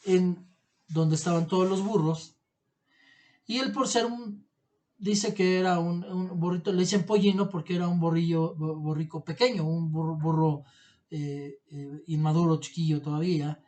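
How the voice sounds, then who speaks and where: A man reading scripture and preaching in an earnest, halting way with many restarts. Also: a little high, steady tone, darkish tone. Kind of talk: Bible reading and sermon commentary.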